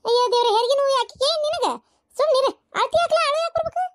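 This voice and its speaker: A woman voicing a meddling, gossipy older village aunt in a cartoon, with a North Karnataka accent and a shrill, scolding way of talking. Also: fast talker, no room sound, close to an everyday voice. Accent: North Karnataka Kannada. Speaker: aunt at a childbirth. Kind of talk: cartoon voice acting.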